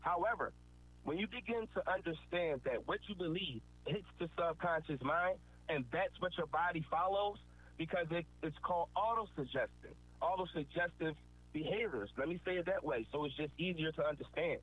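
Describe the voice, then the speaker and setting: This motivational talk comes from a man whose voice leans high and whose pace is moderate. He is earnest and preachy, restating points to stress them, and the sound is tinny and phone-like with faint noise.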